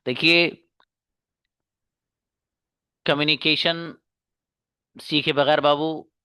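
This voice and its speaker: In an online class, a man with an Indian accent and a medium-pitched voice talks casually in Hindi, mixing in English and running English drills. He tells stories and coaxes and encourages his students in a relaxed way. The sound is clean studio audio with no room sound.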